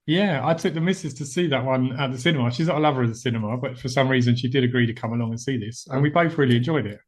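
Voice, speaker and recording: A man's voice: medium pitch, racing. A man co-hosting a podcast, chatting casually and laughing often at himself. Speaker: podcast co-host. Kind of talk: casual chat.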